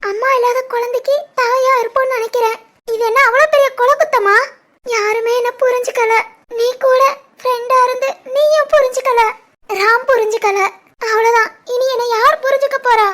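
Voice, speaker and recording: A woman with a Kanyakumari-Tirunelveli Tamil accent voicing a stubborn, tearful, lovesick young woman in an animated family story, pleading and plaintive. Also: extremely high pitch, normal speed, a little hiss or hum. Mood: despairing.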